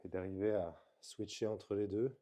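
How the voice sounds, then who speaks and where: A man talking through slow floor exercises in a calm, explanatory vlog, coaching the viewer as he moves. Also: on the low side. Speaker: movement coach. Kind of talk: instructional vlog.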